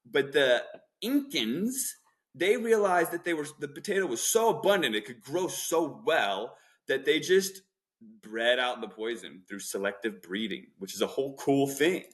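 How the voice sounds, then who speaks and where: A man in his thirties tells long, loose stories in casual chat, piling on "like" and playing out little quoted exchanges. His voice sits at an ordinary middle pitch. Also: expressive, a little slow. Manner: chatty, lots of "like" fillers, acts out quotes. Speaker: documentary filmmaker guest. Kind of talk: casual rambling storytelling.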